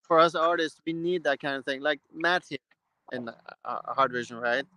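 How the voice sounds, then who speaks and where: A man from Norway hosts a casual live chat, speaking eagerly in loose, rambling sentences. His voice sits a bit high and rings bright and forward. The sound is dry and close, with no room echo. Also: moderate pace. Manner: enthusiastic, rambling with restarts. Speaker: host. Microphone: live-stream mic.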